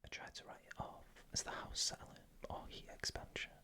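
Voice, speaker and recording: An ASMR narrator reads scary bedtime stories entirely in a soft whisper. The voice is breathy and unvoiced, moving deliberately through short phrases and leaving pauses between them.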